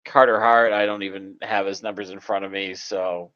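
A man co-hosting a casual sports podcast, halting and hesitant, cursing casually. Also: low-pitched, flat delivery, fairly bright tone, clear, resonant tone, muffled recording. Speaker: podcast co-host.

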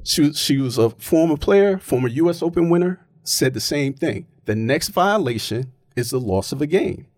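Male, argumentative casual talker, animated delivery, dry close sound. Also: a little high, moderate pace, hardly any pauses, no echo. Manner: emphatic, argumentative, keeps checking with "right?". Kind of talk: casual opinionated chat.

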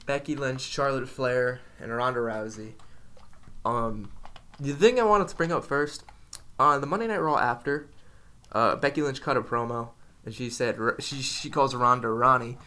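Bright-voiced young man in casual chat. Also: mid-range voice, moderate pace. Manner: rambling, enthusiastic. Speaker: podcast co-host.

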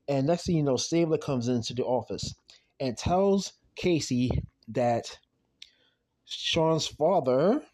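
A man casually recapping a TV episode on his podcast, rambling with lots of "I mean" and "though", and talking quietly about his late father. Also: medium pitch.

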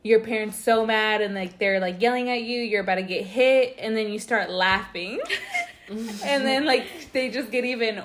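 A woman's voice: fairly high pitch, normal speed. A young woman co-hosting a casual chat, telling loose stories full of "like" and laughing along the way. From United States. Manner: loose storytelling, heavy use of "like", laughs through stories. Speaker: co-host.

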